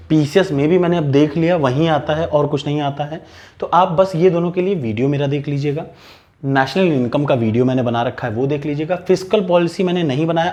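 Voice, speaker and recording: Brisk man coaching exam students. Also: on the high side, darkish tone. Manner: direct, instructive, repeats key points for emphasis. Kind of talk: exam-prep lesson straight to camera.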